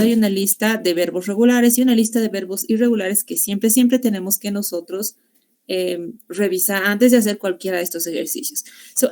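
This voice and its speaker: Woman teaching an online class. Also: medium pitch. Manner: explains grammar in Spanish mixing English classroom phrases; warm, encouraging teacher talk with diminutives. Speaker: English teacher. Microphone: video call.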